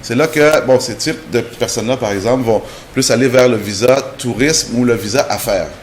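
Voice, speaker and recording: A man from Canada, answering interview questions as a guest, explaining in a measured way with frequent restarts. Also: mid-range voice, slight background noise. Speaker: guest, immigration trainer.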